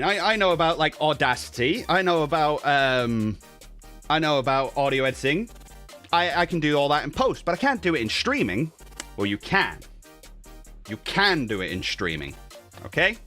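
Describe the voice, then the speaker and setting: Speaking into a studio mic run through a noise gate and compressor, a man gives a relaxed tutorial on his streaming audio rig from his home desk. His voice is a little high, pushed and bright; he chats along, checking "okay?" and fixing his own slips.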